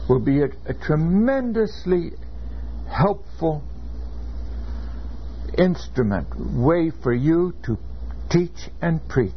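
An older Californian man, a seminary professor, gives a classroom lecture in a fairly high voice, measured and earnest, weaving in stories from his own life. The recording is dull and lo-fi, with a little hiss or hum.

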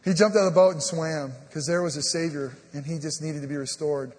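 A high-pitched male pastor preaches with animated swings from loud emphasis to a near whisper, acting out the dialogue of scripture. He leans on the filler "I mean". His voice rings with the long reverb of a church hall. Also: fairly quick. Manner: animated preaching, voice rising and dropping to a hush. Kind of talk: sermon. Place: church sanctuary.

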